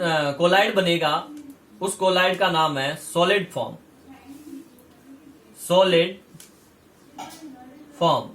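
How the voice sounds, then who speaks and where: A man's voice: high voice, a bit bright, echoey room, recorded from a distance, a little hiss or hum. A man giving a chemistry lecture, explaining step by step and repeating key terms as he checks that students follow. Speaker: chemistry teacher. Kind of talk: classroom lecture.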